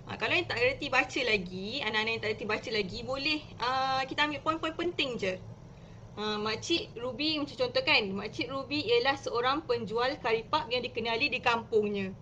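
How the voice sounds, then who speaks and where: Bright, high-voiced Malaysian woman teacher. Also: brisk, highs cut off, a little hiss or hum. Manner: chatty, explaining step by step with lively emphasis. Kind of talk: casual live-stream tips on reading with children.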